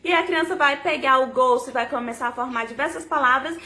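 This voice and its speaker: A young woman giving parents patient, step-by-step tips on teaching reading, slowly sounding out syllables. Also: high voice, pushed and bright. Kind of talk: casual tutorial to camera.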